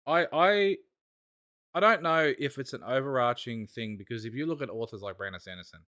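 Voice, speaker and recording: A man's voice: medium pitch, lively intonation, a little fast, bright, forceful tone. Rambling, enthusiastic podcast co-host, man. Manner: rambling, enthusiastic, trails off and restarts. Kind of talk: casual podcast chat.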